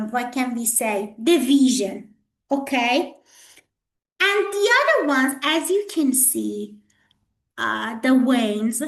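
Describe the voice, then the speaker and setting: High-voiced woman lecturing in an echoey classroom. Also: fairly bright tone. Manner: repetitive, checks in with "okay?" and "guys". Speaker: hospitality trainer.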